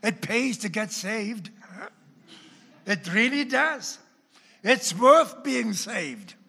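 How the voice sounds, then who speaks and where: A pastor from Wales, whose Welsh accent carries Texan and Oklahoma traces, teaches a class in sermon-style Bible teaching inside a long, reverberant church hall. He speaks extremely slowly with a creaky, breathy edge and lively, sweeping pitch. His delivery is dramatic, swinging widely from loud emphasis to hushed asides.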